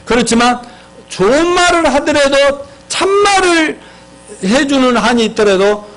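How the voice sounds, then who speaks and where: A man's voice: lively intonation, measured pace, a bit bright. A male pastor preaching a sermon who quizzes his congregation, leads them in reading aloud and acts out quarrels between spouses. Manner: acts out quoted spouses with sudden higher, sharper lines.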